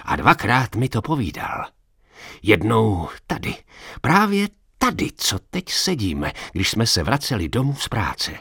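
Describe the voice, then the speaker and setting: A man voicing an old quarry worker who talks in a hushed, confiding way about ghostly visions, in a storybook reading. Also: fairly low pitch, huge pitch swings, gravelly, husky, dry recording, studio quality, full character voice. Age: older. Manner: hushed, confiding, rising to urgent.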